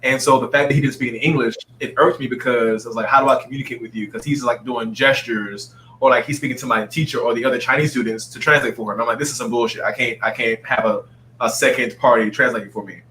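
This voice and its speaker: A man with a bright, forward voice talks as an interview guest, animated and quick to act out other people's lines. A faint hum sits in the background of the recording. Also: mid-range voice, poor audio. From Saudi Arabia. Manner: animated storyteller, acts out quotes. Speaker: guest dancer. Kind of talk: casual interview talk.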